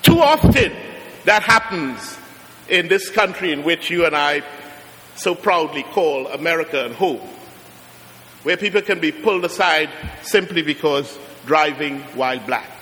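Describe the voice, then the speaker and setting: A middle-aged Trinidadian man with a Trinidadian accent preaches as a guest in a large church, his voice a little high, animated, pushed and bright. He slows down and climbs to emphatic peaks, and the recording carries a long church reverb.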